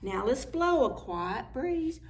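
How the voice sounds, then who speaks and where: A children's librarian reads picture books aloud at preschool story time, animated and sing-song, dropping into soft whispered asides. Her voice is high and her pace slow.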